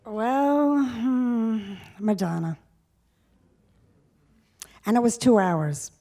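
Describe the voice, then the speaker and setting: Woman in her 60s, onstage guest, relaxed reminiscing chatter, soft mellow timbre. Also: on the high side, very slow. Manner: chatty, reminiscing, laughs often. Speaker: music journalist, guest. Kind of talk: onstage conversation. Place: stage before a live audience.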